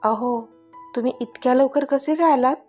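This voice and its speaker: A lady doing the excited young wife in a story, bit high and sweet, soft music behind. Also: moderate pace, husky. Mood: puzzled. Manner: affectionate, excited. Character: young wife, eager and loving.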